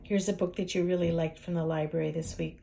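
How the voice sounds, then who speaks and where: An older woman, a sweet and gentle grandmother, reading a storybook aloud with chatty asides to small children. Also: fairly low pitch, level tone, quick pace, creaky, slight background noise.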